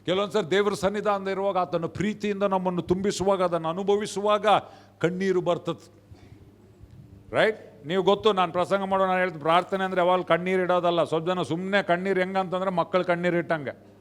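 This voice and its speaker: High-voiced man preaching. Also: level tone. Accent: Kannada. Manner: preaching with loud hallelujah shouts and quick asides. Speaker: pastor. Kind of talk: sermon. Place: church.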